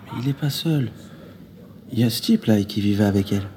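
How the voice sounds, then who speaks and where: An actor playing a friend who gently coaxes and reassures a grieving man in a radio drama. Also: on the low side, lively intonation, brisk, noisy background, natural voice. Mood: soothing. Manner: gentle, coaxing.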